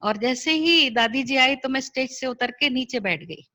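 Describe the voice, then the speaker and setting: Middle-aged woman, spiritual sister, animated testimony with acted-out quotes, slightly high and bright voice, video call. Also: normal speed. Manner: lively, acts out quoted dialogue. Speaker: spiritual sister sharing her experience. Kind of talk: personal testimony storytelling.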